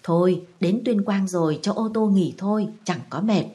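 A woman's voice: medium pitch, normal speed, warm tone, slightly rough, lightly acted. A woman voicing an elderly, proud mandarin's widow who speaks formally and probes with feigned friendliness. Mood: probing.

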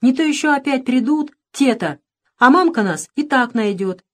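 A small, stubborn little boy with a childlike, insistent voice, as a woman narrator puts him on in an audiobook. He sits clearly higher and louder than the narration and keeps repeating himself. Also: expressive, moderate pace. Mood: insistent, tearful.

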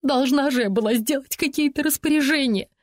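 A gushing, naive woman, as a woman reader puts her on, sweetly stubborn, her voice pitched high and breathy. The read is dry and close. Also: moderate pace, dry recording. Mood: earnest.

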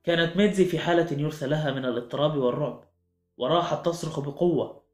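A man reads a mystery audiobook with dramatic, suspenseful delivery. His voice sits a little high for a man. A roomy echo and faint background music run under the narration. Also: fast. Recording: echoey room with faint music.

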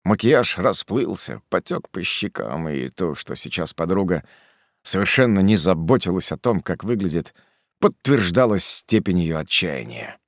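Male audiobook reader, low voice with lively intonation, measured delivery, dry studio sound. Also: creaky, dry recording. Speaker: narrator. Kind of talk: audiobook narration.

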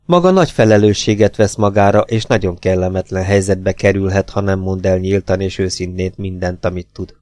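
Low-voiced man reading an audiobook. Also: a little mellow, no echo, studio quality. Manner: measured, composed reading. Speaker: audiobook narrator.

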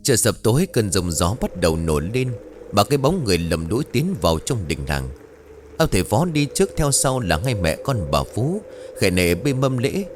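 Man narrating a ghost story, lively. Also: lowish voice, moderate pace, a little hiss or hum.

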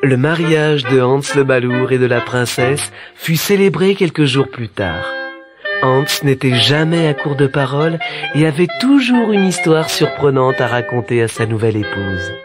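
A man narrating a children's fairy tale in a gentle, expressive storytelling voice. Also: medium pitch, moderate pace. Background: music bed.

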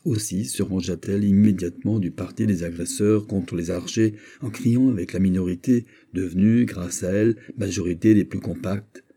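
A man narrating a classic novel as an audiobook in a steady, measured reading. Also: low-pitched.

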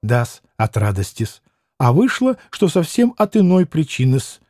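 A man's voice: on the high side, very animated, unhurried, warm tone, dry recording, clean studio sound. A man voicing a fawning, talkative old landowner who tacks a deferential "-s" onto his words. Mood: ingratiating. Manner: ingratiating, adds deferential "-s" to words. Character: fawning old petty landowner, chatty fibber.

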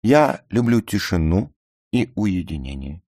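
A man's voice: big pitch swings, measured pace, a little mellow, dry recording, studio quality, heavily acted. A man playing a vain, haughty young woman. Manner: raised, shrill, affected girlish tone. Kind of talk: audiobook character voicing.

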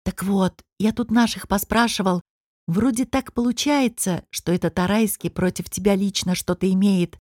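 A woman's voice: medium pitch, moderate pace, darkish tone, no echo, clean studio sound, close to an everyday voice. A woman voicing a glum young man who guards a prisoner and warns her earnestly, in an audiobook. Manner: cautious, earnest warning.

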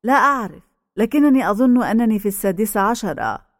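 A woman voicing a frightened teenage girl who speaks in a higher, nervous, hesitant way. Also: lively intonation, quick pace, darkish tone, no room sound, studio quality. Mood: distressed.

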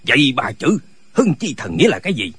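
A man's voice: mid-range voice, wildly swooping pitch, fairly quick, a bit bright, slightly rough, dry recording, exaggerated voice. A man voicing a band of quarrelsome, dim-witted old martial immortals in a radio drama, arguing pedantically. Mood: bickering.

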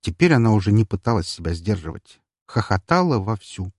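A man reading a first-person story aloud in an expressive, wry audiobook narration. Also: lowish voice, fairly quick, no room sound, studio quality.

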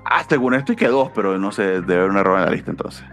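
A low-pitched man chats loosely about comics, stopping often to hunt for words. His speech is full of hesitant fillers, and soft music plays faintly behind him. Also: expressive, racing. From not from Mexico, now naturalizing. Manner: rambling, many "este" fillers. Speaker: podcast co-host. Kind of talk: casual chat about comics.

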